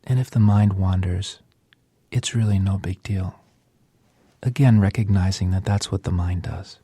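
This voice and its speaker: Husky, hushed man guiding meditation. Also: sits low, steady tone, no echo. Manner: soft, gentle, half-whispered delivery with pauses. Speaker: meditation guide. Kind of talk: slow guided breathing meditation.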